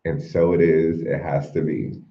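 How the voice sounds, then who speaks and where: Very deep-voiced man explaining calmly. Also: a little slow. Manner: calm, explanatory, affirming. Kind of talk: casual spiritual chat. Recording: dull lo-fi audio.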